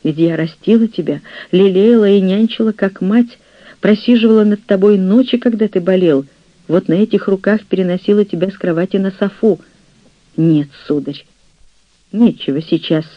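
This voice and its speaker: Man putting on a shrill scheming old nurse. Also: moderate pace, dry recording, dull audio, close to an everyday voice. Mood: aggrieved. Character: older woman, scheming jealous nurse, ensign's widow.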